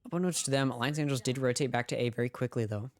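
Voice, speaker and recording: A man's voice: medium pitch, quick pace. A man streaming a watch party, giving casual play-by-play commentary on an esports match and talking straight to his chat.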